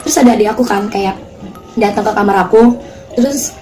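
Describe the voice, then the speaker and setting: Fast-talking teen girl vlogger. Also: medium pitch, soft background music. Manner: chatty, animated retelling with quoted voices. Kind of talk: casual storytelling.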